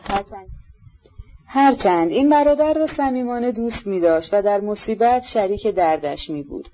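A woman narrating a literary audiobook in a measured, even way. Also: lowish voice, lo-fi sound.

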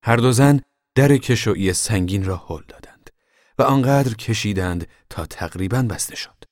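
A man reading a novel aloud as scripted narration, measured, dropping low and soft in descriptive passages. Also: expressive, dry recording, studio quality. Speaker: audiobook narrator.

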